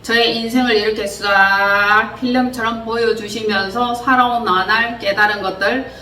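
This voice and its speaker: A woman preacher with a high, sharp voice earnestly exhorts her listeners in a sermon, asking many rhetorical questions. The recording has a roomy echo, a distant mic and faint noise.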